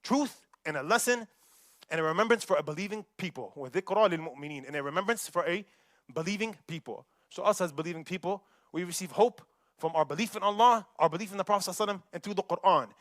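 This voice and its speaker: A man giving a Friday sermon, animated and quick, mixing Arabic recitation with casual street talk. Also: high voice, dry recording, clean studio sound. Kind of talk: khutbah sermon. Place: mosque.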